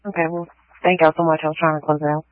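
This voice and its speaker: A woman dispatcher speaking over a walkie-talkie, her voice tinny and thin like a two-way radio. She talks fast in clipped codes, a little high, with no room sound around her. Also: level tone, no echo.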